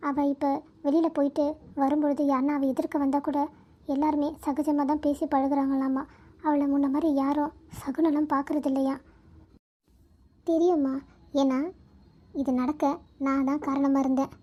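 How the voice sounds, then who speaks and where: A woman voicing a kind young friend who speaks gently and reassuringly. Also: high-pitched, little pitch movement, moderate pace, pauses often, natural voice. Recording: dull lo-fi recording.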